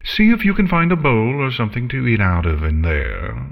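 A man's voice: mid-range voice, very animated, normal speed, creaky, lo-fi sound, voice pushed up. A man voicing a grumpy, haughty female dragon who makes mock threats in a storybook reading. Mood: teasing.

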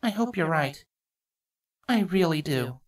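A woman voicing an earnest young female cartoon pony in a soft, subdued voice. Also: low-pitched, animated, unhurried, voice pushed up.

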